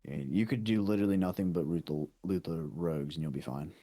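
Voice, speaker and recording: A laid-back man co-hosting a podcast, swearing freely and teasing his friends in casual chat. His voice sits very low, and the sound is dry and close with no room echo. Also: fast talker, dark tone. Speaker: podcast co-host.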